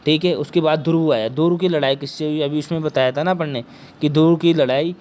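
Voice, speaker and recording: Soft-spoken male teacher with a sore throat. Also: fairly high pitch, fairly even intonation, brisk, slight background noise. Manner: repeats questions and answers them himself. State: sore throat, speaking softly. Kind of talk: exam-prep history lecture.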